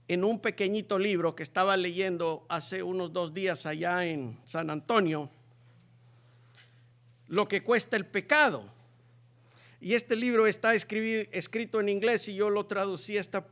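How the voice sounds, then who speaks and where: A man preaching a sermon in church, earnest and halting, breaking into loud emphatic scripture reading. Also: high-pitched. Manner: earnest, halting delivery with restarts.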